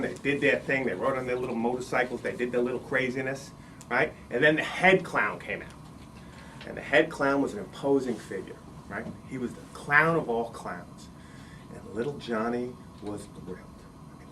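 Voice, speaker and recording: A man telling a long shaggy-dog joke in an animated, drawn-out way, recorded from a distance with faint ambience. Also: mid-range voice, a little hiss or hum. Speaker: joke teller.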